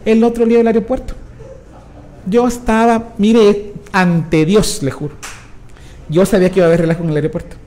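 A man telling a story in an animated, casual way, acting out the voices he quotes. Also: sits high, normal speed, long pauses. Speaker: guest.

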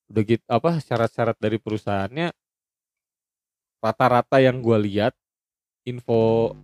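A young man with a Jakarta accent talks in relaxed, everyday Jakarta slang. His voice sits at a middle pitch and he often rephrases to make himself clear. The sound is dry, with little room in it. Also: moderate pace, no echo. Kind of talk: casual chat in Jakarta slang.

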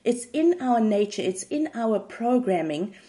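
A woman's voice: fairly high pitch, very animated, a little slow, warm tone. A woman hosting a daily devotional podcast, sharing a reflection in a conversational storytelling way. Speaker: podcast host.

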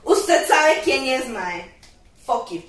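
A Costa Rican woman chiming in as co-host in casual chat, with slow, teasing remarks. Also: sits high, expressive, reverberant, recorded from a distance.

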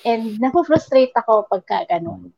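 High-voiced woman venting. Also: big pitch swings, moderate pace, no room sound, lo-fi sound. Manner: venting, mixes English into Filipino. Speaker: radio host. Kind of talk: casual chat.

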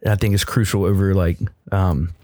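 A man's voice: sits low, a little fast, no room sound. Easygoing man, dry sound. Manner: relaxed, hesitant with fillers. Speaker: co-host describing his recipe. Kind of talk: casual chat.

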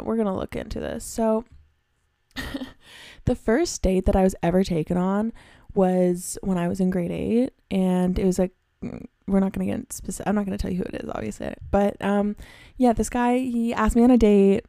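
Young woman, podcast host, casual storytelling, gravelly fry, mellow tone, dry close sound. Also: medium pitch, dry recording. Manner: chatty, self-deprecating, giggly.

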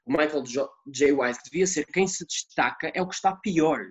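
A young man with a European Portuguese accent, chatting casually as an animated podcast co-host who drops in English words. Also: on the high side, normal speed. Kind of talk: casual chat.

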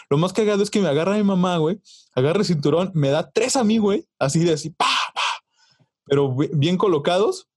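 A man's voice: on the high side, no room sound, clean studio sound. A young man with a Mexican accent, hosting a casual podcast chat and telling childhood stories with lots of acted-out quotes and casual swearing. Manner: animated storyteller, acts out quotes, swears casually. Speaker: podcast host.

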